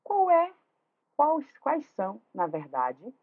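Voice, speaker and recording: Woman teacher, animated pitch, step-by-step explainer, tinny lo-fi sound. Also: slow pace. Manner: explains step by step, frequent tag questions and restarts. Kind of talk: online literature lesson. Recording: tinny phone-like audio.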